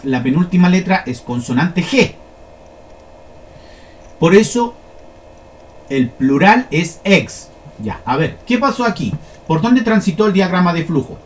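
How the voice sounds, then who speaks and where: Man with a lively high voice, teaching step by step. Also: slight background noise. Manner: explains step by step, checks in with listeners often. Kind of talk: classroom lesson on flowcharts.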